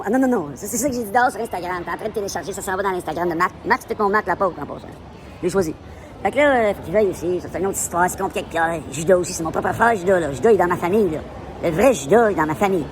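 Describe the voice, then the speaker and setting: Québécois man, live vlogger, loud and provocative, rambling, fairly high pitch, faint background noise. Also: very fast. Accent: Québécois French. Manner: loud, provocative, mixes French and English. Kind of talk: rambling public livestream monologue. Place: indoors in a public place.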